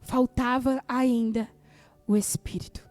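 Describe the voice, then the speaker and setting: A woman's voice: on the high side, fairly even intonation, slow pace, darkish tone, no room sound, soft background music. A woman pastor with a Brazilian Portuguese accent preaching a sermon emphatically, repeating key phrases for effect.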